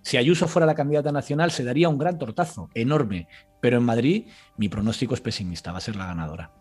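A man's voice: mid-range voice, expressive, fast, darkish tone, husky, soft background music. A man giving analytical, emphatic commentary on a talk show as a political analyst.

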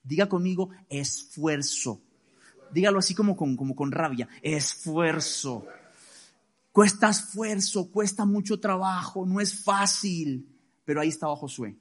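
A man's voice: high-pitched, brisk. A man preaching a sermon, emphatic and leading the congregation in responses. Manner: emphatic preaching, calls for responses, varies volume widely. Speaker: pastor.

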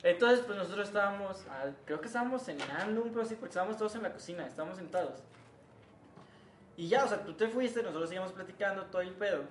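A man's voice: sits high, expressive, fast. A young man with a Mexican Spanish accent telling his side of a story among friends in a laid-back way, swearing freely and quoting the others. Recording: distant mic, echoey room, background noise.

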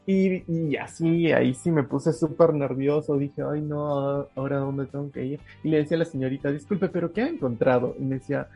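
A man's voice: a little high, a little fast, gravelly, few pauses, warm tone, husky, soft background music. A man casually telling a story, acting out the dialogue and laughing often.

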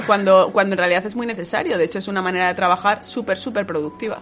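A woman's voice: medium pitch, fairly even intonation, racing, a bit bright, soft background music. A woman co-hosting a casual podcast, chatting easily and teasing her co-hosts.

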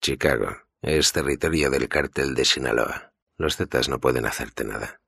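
A hard, merciless agent interrogating his captive in slow, clipped threats, as a narrator voices him. The voice is extremely deep and heavily gravelly, and the read is dry and close. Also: bright, forceful tone, dry recording, heavily acted. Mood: curt, hard. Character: cold, ruthless male federal agent interrogator.

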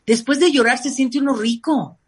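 Mexican woman, husky and fairly high-pitched, lively expert guest acting out what parents say. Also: normal speed. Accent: Mexican Spanish. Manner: animated, acts out quoted parents in lively voices. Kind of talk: conversational interview.

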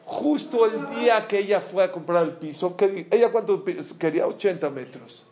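A man's voice: high-pitched, moderate pace. A middle-aged man, a religious speaker telling a story and acting out the people in it. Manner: animated, acts out characters' voices. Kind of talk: storytelling talk with acted quotes.

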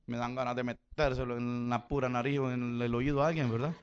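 Delivering a sermon in church, the middle-aged pastor with a Salvadoran Spanish accent talks a little fast in a flat, mid-range voice. He mixes jokes with swings from loud exhortation to quiet storytelling, over dull audio and slight background noise.

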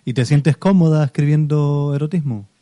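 A man co-hosts a radio interview in a mellow, dark voice. He asks probing questions and stops and restarts along the way. The sound is close and dry. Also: on the high side, normal speed, no echo. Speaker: radio co-host.

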